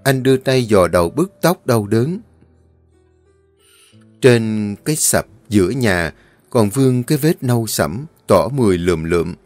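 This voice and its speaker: A man narrating a dramatic audio story in a steady, earnest storytelling voice. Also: on the low side, measured pace, no echo. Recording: dry close voice, faint music.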